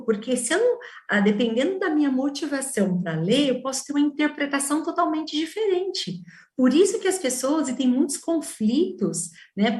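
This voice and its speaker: A woman's voice: on the high side, echoey room, distant mic. A woman psychologist, a guest on a radio talk show, explaining things in a teaching way and leaning on words to make her point.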